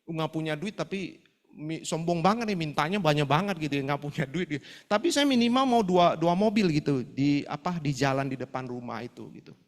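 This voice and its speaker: A man, an evangelist, giving a sermon with a personal testimony, telling his story in an animated way and acting out his prayers and conversations. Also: a little high, fairly quick. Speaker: evangelist preaching at a prayer fellowship. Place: fellowship hall. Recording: long reverb of a hall.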